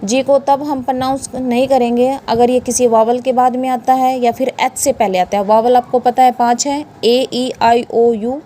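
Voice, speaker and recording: A woman's voice: fairly high pitch, little pitch movement, moderate pace, hardly any pauses, dark tone, slight background noise. A woman with an Indian accent teaching English pronunciation in a classroom style. She spells words letter by letter and asks questions that she answers herself.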